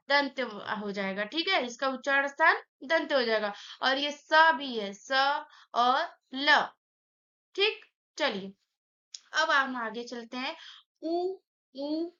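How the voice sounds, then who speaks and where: Female teacher, high-pitched, slow and deliberate, drills sounds aloud one by one; lo-fi audio. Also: pushed and bright. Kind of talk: online grammar lesson.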